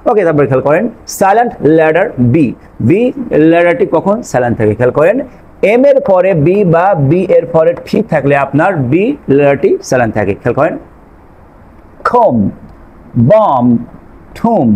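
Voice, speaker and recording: A high-pitched man gives a spoken English lesson. He goes over each point slowly and repeats it, often asking a question and then answering it himself. His tone stays patient and steady. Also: a little hiss or hum, low-quality recording. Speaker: English teacher.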